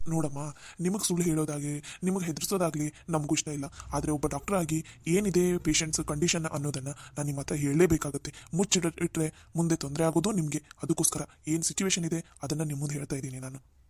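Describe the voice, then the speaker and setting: A grave male doctor in a cartoon, played by a woman, speaking in a low, warm register. His speech is quick, dry and close, and stays measured and gently firm. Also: steady tone, breathy edge, dry recording. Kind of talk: Kannada cartoon voice acting.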